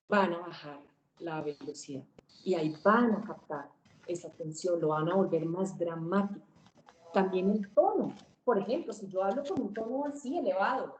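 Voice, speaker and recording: A woman teaching a public speaking webinar, swinging her pitch, volume and pace to demonstrate. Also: darkish tone, echoey room, a little hiss or hum, poor audio. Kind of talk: webinar lesson.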